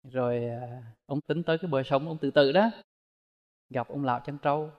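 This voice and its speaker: A man's voice: medium pitch, moderate pace, dull audio. A man, a Buddhist monk giving a dharma talk in a folksy, storytelling way full of rhetorical questions. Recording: long hall reverb.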